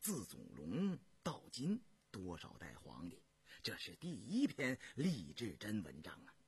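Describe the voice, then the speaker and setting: A man voicing a seasoned old imperial minister who weighs his words slowly and sighs, in a told historical tale. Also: lowish voice, huge pitch swings, gravelly, a little mellow, breathy edge, no echo, pitched below the performer's own voice, heavily acted. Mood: pondering.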